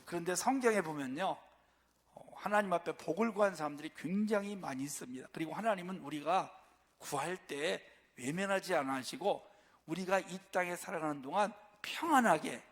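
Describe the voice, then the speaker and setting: Pastor, male, higher voice, preaching from the pulpit and answering his own questions, long church echo. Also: normal speed. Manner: asks rhetorical questions and answers them. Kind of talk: sermon. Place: church sanctuary.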